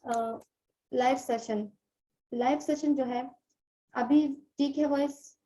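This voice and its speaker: A woman's voice: high voice, fairly even intonation, slow, dark tone. Woman's voice cutting out on a choppy call. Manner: explaining step by step, informal. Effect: voice cutting out over a choppy online call. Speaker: online marketing trainer. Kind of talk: live online class. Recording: dull lo-fi call audio.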